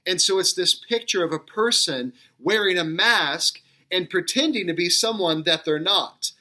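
A man's voice: high voice, animated, moderate pace, sharp tone. A male pastor preaching a sermon, telling stories and stressing key words, then leading a prayer. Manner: leads a spoken prayer.

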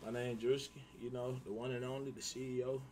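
A young man hosting a rowdy comedy livestream, loud, teasing and laughing a lot. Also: mid-range voice, little pitch movement, quick pace. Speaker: stream host on a blind date. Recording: live stream with loud crowd behind.

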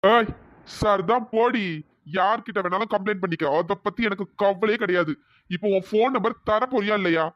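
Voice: medium pitch, a little fast, no echo, natural voice. A performer voicing a brash, bossy young cartoon man who talks in a mid-range voice and orders people around. The lines come from a dry, dull lo-fi voice track. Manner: bossy and threatening, then pleading. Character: brash young man pushing a girl for her number.

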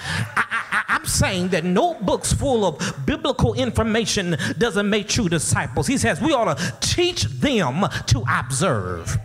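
A man's voice: sits high, sing-song, measured pace, a bit bright, husky, faint music behind. A male pastor preaching an impassioned sermon in a church, often repeating words as he builds. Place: church sanctuary.

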